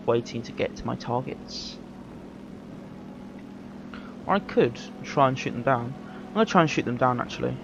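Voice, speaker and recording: A man's voice: mid-range voice, gravelly. A man giving casual, rambling commentary while playing a video game, often correcting himself mid-sentence in an easygoing way. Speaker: gameplay commentator. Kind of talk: casual live gameplay commentary. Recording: dull lo-fi mic with game noise. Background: game engine and vehicle noise.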